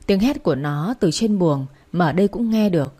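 Female audiobook narrator, low warm voice, steady first-person storytelling. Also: brisk, husky.

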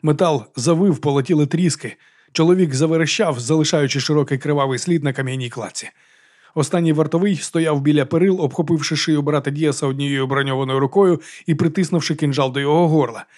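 A man narrating a fantasy audiobook in a brisk, tense storytelling manner. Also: a little high, darkish tone.

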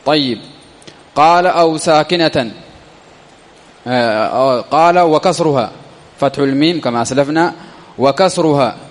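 A man teaching a classical grammar lesson, slowly, often repeating key phrases for his students. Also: fairly high pitch. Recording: long echoey reverb.

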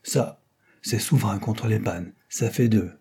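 A man reading the part of a cheerful young male aviator in an audiobook, animated and exclamatory, with a husky voice. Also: on the low side, a little slow, heavily acted.

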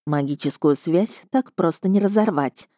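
A woman's voice: lowish voice, moderate pace, mellow, no echo. A woman reading a first-person story aloud with a wry, dry tone. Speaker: audiobook narrator. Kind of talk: scripted first-person narration.

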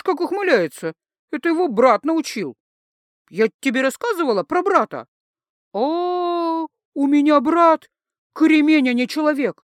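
A woman voicing a tipsy, bold young woman who teases loudly and slurs her words. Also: dry recording, studio quality. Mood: teasing. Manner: slurred, giggly, high-pitched chatter.

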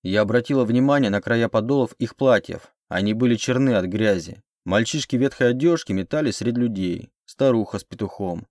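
A man narrating an audiobook in a steady, even reading. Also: medium pitch, brisk, few pauses, dry recording, studio quality. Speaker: audiobook reader.

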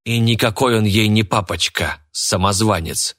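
A scheming villain magician in an audiobook, curt and sneering, with a fairly low voice, as a male narrator voices him. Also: moderate pace, a bit bright.

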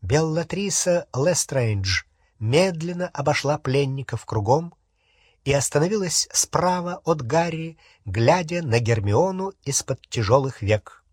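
A man reading an audiobook in a measured, expressive narration with a husky voice. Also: on the high side, no room sound, studio quality. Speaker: audiobook reader. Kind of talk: scripted narration.

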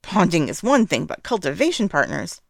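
A woman's voice: on the low side, big pitch swings, normal speed, vocal fry, no echo, clean studio sound, exaggerated voice. Woman playing an indignant young man. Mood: scandalized. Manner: sputtering and indignant. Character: indignant, gossiping young male drama-stirrer. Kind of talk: audiobook narration of fan fiction.

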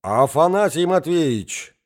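A man's voice: lowish voice, sing-song, moderate pace. A man reading an audiobook, voicing a domineering provincial lady who scolds and shrieks in fury. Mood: shrill.

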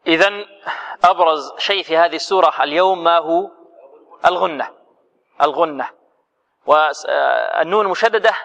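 A man's voice: fairly high pitch, a bit bright. A man teaching Quran recitation, quizzing his students and then answering and demonstrating the sounds himself. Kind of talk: tajweed lesson to students. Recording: muffled lo-fi recording with long hall reverb.

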